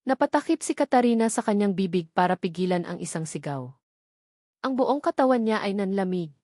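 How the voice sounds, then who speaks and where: A woman narrates a scripted audio drama, reading the dramatic story steadily and in a measured way. Her pitch sits in the middle range, and the recording is close and completely dry, without any room echo.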